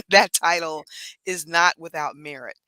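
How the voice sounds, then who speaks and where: A woman co-hosting a casual online panel, speaking in an animated way with frequent laughs and a slightly hoarse morning voice. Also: low-pitched, a little slow, no room sound. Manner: animated, laughs often, lingers on words. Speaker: panel co-host.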